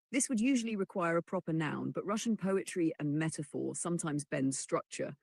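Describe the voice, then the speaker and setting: Gravelly synthetic voice reading a chatbot reply. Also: medium pitch, no room sound. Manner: measured, even explanatory delivery that reads punctuation aloud. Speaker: AI assistant reply read aloud.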